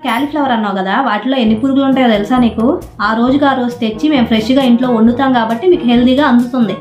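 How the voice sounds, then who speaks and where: A woman's voice: fairly high pitch, fairly even intonation, very fast. A middle-aged woman plays a mother in a scripted family skit, scolding and lecturing at length. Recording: roomy, dull home recording with music underneath.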